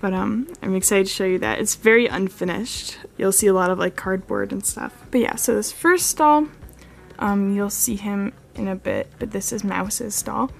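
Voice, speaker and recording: A gravelly, medium-pitched woman speaking at normal speed hosts her own model horse channel. In a carpeted room, she holds a handheld camera close and casually walks viewers through, her chatty talk peppered with "like" and "um."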